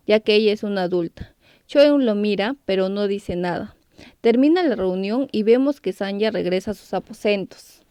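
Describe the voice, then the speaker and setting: A woman's voice: mid-range voice, a little mellow, clear, resonant tone, no echo. A woman narrating a story recap, lifting her voice on character names. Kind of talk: scripted narration.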